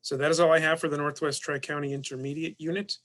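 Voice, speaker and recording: A man's voice: a little high, level tone, fast talker, a bit bright. A man speaking as board president, running a meeting with formal procedural phrasing.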